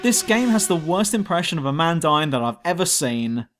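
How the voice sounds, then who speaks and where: Animated, higher-pitched male game reviewer. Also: normal speed, over music. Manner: blunt, sweary, sardonic. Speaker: video game reviewer, countdown host. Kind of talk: scripted review narration.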